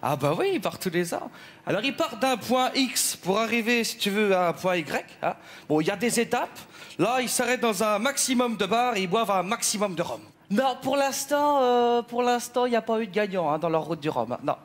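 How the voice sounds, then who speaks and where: A man's voice: high-pitched, expressive, fairly quick. A man playing a chatty, gossiping middle-aged housewife in a stage comedy sketch, rambling and full of asides. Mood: gossipy.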